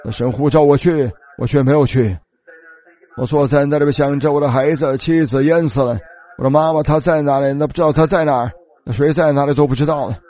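A man's voice: fairly high pitch, fairly even intonation, brisk, dark tone. A male preacher giving an earnest first-person sermon testimony, often starting sentences with a filler word and voicing the people he quotes.

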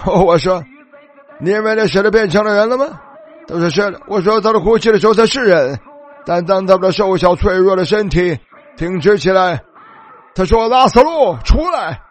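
A man preaching a fervent sermon, retelling scripture scenes and rising to shouts. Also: sits high, a little fast.

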